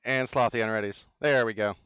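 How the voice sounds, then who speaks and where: A man calling an online esports match from his home over a headset mic. His voice is smooth and resonant and sounds close and dry, with no room around it. He talks with energy and gives blunt, firm opinions. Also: fairly low pitch, steady tone, fairly quick, a bit bright, dry recording. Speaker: esports caster. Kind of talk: play-by-play commentary. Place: at home, remote over the internet.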